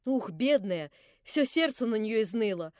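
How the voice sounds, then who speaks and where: A woman reading an audiobook, voicing a meek working woman who answers quietly and grudgingly. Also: fairly high pitch, expressive, unhurried, no room sound, studio quality.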